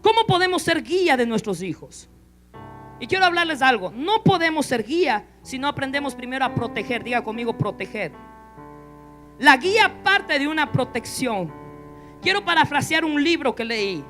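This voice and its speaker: A man's voice: very high-pitched, big pitch swings, normal speed, pushed and bright, soft background music. A man preaching a sermon, emphatic and repeating key phrases, leaving sentences open for the congregation to finish. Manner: call-and-response, leaves sentences open for the congregation. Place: church.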